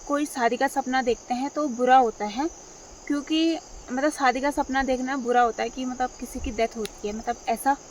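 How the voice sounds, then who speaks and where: High-voiced young woman vlogging casually. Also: a little hiss or hum. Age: young adult. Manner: rambling, repeats herself, many fillers. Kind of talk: casual talk to camera.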